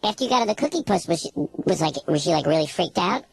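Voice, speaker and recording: A man voicing a cheeky talking ice cream cake through a pitch-shifted voice effect, teasing and needling in a radio comedy bit. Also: very animated, fast, gravelly, noisy background, exaggerated voice. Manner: teasing, needling, mock-innocent. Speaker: radio host.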